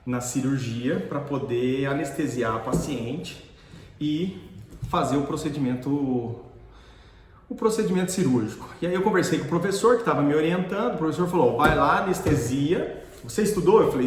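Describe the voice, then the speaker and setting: Man, middle-aged, earnest and halting storyteller, slightly high voice, roomy echo with a long tail. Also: a little mellow. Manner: earnest, halting, with many restarts. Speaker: dentist and teacher. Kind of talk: personal storytelling. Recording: echoey room with long reverb.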